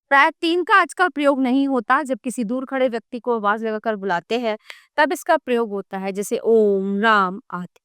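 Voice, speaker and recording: A woman's voice: fairly high pitch, clean tone, dry recording, studio quality. A woman teaching a grammar lesson from an ebook, reading out definitions and listing letters one at a time, with brief asides to her students.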